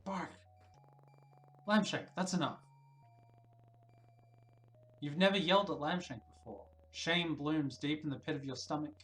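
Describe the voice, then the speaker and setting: A game streamer reading the narration aloud quietly during a livestream, breaking into lively asides to viewers. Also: mid-range voice, moderate pace, pauses often, poor audio.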